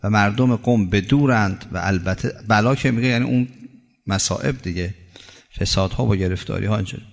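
A middle-aged man preaching a sermon, telling stories with emphasis and jumping suddenly higher on key words. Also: vocal fry. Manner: emphatic storytelling with sudden high rises. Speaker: cleric preacher. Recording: long hall reverb.

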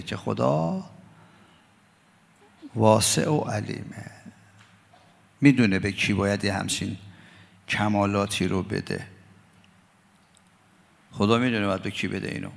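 Man, gravelly voice, religious lecture, long hall reverb, recites scripture slowly. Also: on the low side, lively intonation. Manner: gravelly, mocking voices when quoting others. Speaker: cleric giving a Quran commentary lecture.

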